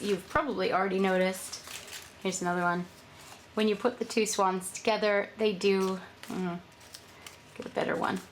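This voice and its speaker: A woman's voice: mid-range voice, a little hiss or hum. Chatty woman teaching paper folding. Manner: chatty, with fillers and restarts. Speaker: origami tutorial host. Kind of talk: casual tutorial talk.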